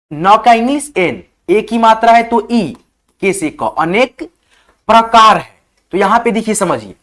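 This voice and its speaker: A man teaching how to spell words, spelling them slowly letter by letter and often calling viewers his friends. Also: high voice, fairly bright tone.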